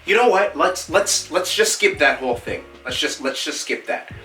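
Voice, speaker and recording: A man's voice: on the high side, animated, normal speed, bright, forceful tone, far from the mic, soft background music. A man playing a prim, earnest interviewer who stammers and repeats words as he works through his questions. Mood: brisk. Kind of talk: comedy sketch. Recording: roomy sound from off the mic.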